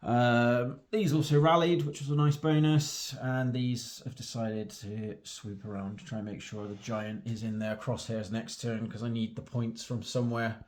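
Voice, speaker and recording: A man's voice: medium pitch, fairly even intonation, moderate pace, hardly any pauses. A man recapping his army's turns in a tabletop battle report, matter-of-fact and a little wry.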